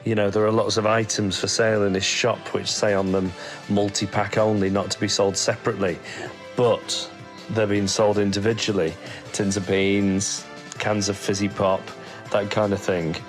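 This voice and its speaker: A man reads a listener's gossip letter in a chatty, rambling manner, piling on asides as he goes. His voice sits fairly low. Faint music plays behind him. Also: little pitch movement, normal speed.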